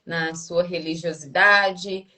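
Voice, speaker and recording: Gentle Brazilian woman hosting a live interview. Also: lowish voice, steady tone, takes it slowly. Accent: Brazilian Portuguese. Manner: gentle, hesitant questioner with many fillers. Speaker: host.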